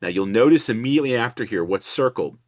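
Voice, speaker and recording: A man's voice: mid-range voice, lively intonation, quick pace, darkish tone, no room sound, clean studio sound. A male instructor giving an explanatory walkthrough lesson, restating and stressing key points. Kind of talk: instructional screen walkthrough lecture.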